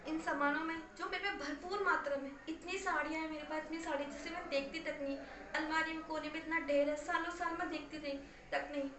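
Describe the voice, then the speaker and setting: A high, reproachful daughter's voice, as a woman acts it out in a family story, scolding her mother and hammering the same words again and again. The sound rings a little in an echoey room. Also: fairly even intonation, fast, background noise, natural voice. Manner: reproachful, emphatic, repeating herself.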